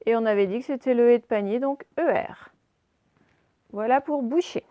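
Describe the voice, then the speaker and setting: Teaching young children remotely, a woman at the primary level patiently spells out letters and talks through each step as she writes and dictates. Her voice is on the high side at a moderate pace, captured in a dry, lo-fi recording.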